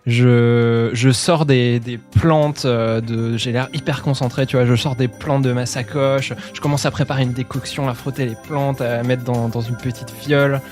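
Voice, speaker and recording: A man's voice: mid-range voice, fairly even intonation, moderate pace, few pauses, darkish tone. Casual man playing a tabletop game, faint music. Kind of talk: casual improvised game chat.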